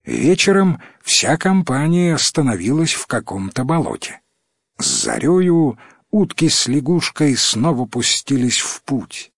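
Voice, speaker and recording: Male storyteller, husky and slow, lively pitch, dry close sound. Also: dry recording. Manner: expressive, unhurried reading. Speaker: narrator. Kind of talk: storybook narration.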